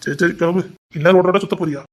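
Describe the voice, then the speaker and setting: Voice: mid-range voice, fairly even intonation, rapid-fire, slight background noise, lightly acted. A performer playing a cocky young village man who is smitten, speaking with a Tirunelveli Tamil accent in a teasing, swaggering way. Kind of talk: amateur drama skit.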